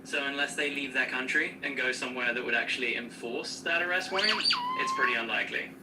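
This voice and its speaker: A man's voice serving as an AI co-host, answering questions in a smooth, upbeat, explanatory way with casual slang. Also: medium pitch, huge pitch swings, brisk, far from the mic, heavy background noise. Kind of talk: conversational Q&A co-hosting.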